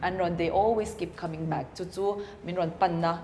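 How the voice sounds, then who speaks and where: A woman talking in a relaxed, thoughtful way and mixing in English business terms, recorded in a cafe. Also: lowish voice, slow, big-room sound, slight background noise. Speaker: entrepreneur guest. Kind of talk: casual conversation.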